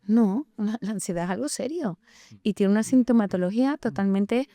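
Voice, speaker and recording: A woman co-hosting a podcast, talking in an earnest, measured way and explaining with everyday examples. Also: medium pitch, dark tone, dry recording. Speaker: podcast co-host. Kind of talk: reflective podcast conversation.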